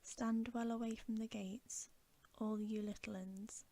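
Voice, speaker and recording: Woman whispering as a slow, good-natured giant. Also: fairly high pitch, little pitch movement, mellow. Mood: obliging. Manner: homely, rustic, polite. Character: huge, good-natured, deferential male giant. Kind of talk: storybook reading in ASMR.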